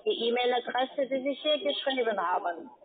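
A woman's voice: on the high side, animated, normal speed. A woman working a scam call, insistent, formal and repetitive, following a script. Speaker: scam call center agent. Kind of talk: scripted phone pitch. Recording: tinny phone line.

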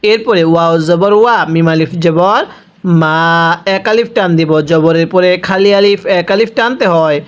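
A man's voice: sits high, moderate pace. A man teaching Quran reading with a Bangladeshi Bengali accent, patiently spelling out letters and vowels, then drawing out each word for the listener to repeat. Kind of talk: slow spelled-out recitation lesson.

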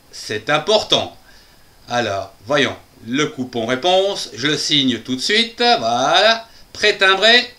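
In a children's phonics lesson, a man performs a happy little male bear spelling teacher, chuckling often as he slowly breaks words into syllables. His heavily acted voice is fairly high, bright, and forceful.

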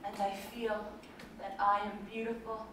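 A woman acting a distraught, wistful young actress on stage, drifting between hushed and sudden outbursts, taped from far in an echoey theater. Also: medium pitch, level tone, normal speed, slight background noise, natural voice. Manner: dreamy, wandering, drifting between hush and outburst. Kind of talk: stage play performance. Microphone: distant room mic.

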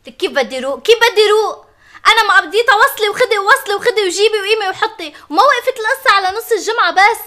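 An actress with a Lebanese accent playing a frazzled, overworked wife and mother in a sitcom, who complains indignantly in long rapid lists. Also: extremely high pitch, bright, forceful tone, exaggerated voice. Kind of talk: sitcom acting.

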